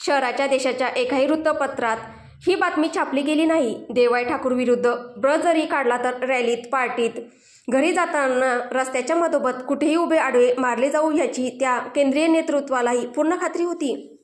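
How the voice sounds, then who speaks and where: High-voiced dramatic woman storyteller. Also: moderate pace. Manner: intense, dramatic, emphatic. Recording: roomy echo.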